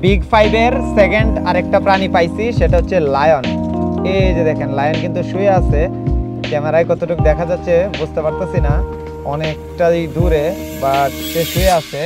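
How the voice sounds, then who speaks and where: A man narrating a casual travel vlog outdoors from a safari vehicle, excited and sometimes hushed while he films wildlife. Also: a little high, a little fast, over loud music. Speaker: travel vlogger.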